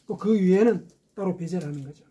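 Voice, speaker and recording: A man's voice: high voice, quick pace, dark tone, dull audio. A man preaching a sermon as a pastor, explaining step by step with rhetorical questions.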